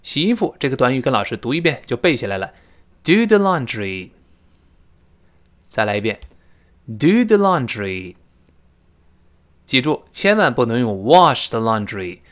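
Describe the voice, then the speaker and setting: A middle-aged man teaching English vocabulary in a recorded lesson, slowly drilling phrases and spelling words letter by letter. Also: mid-range voice, expressive, a bit bright. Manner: drills phrases slowly, repeating them for the listener.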